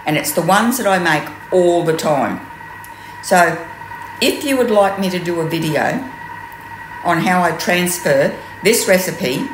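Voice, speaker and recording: A woman in her sixties with an Australian accent, giving a chatty, rambling cooking tutorial in her home kitchen, with plenty of ums. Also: sits low. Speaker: cooking demonstrator. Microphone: camera mic from mid distance. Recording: roomy kitchen with steady noise.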